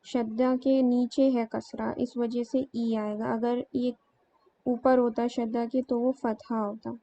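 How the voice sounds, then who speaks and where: Slow, flat-voiced woman teaching grammar. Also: a little high. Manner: slow, explains step by step with many fillers. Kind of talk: grammar lesson. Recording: dull lo-fi sound with faint noise.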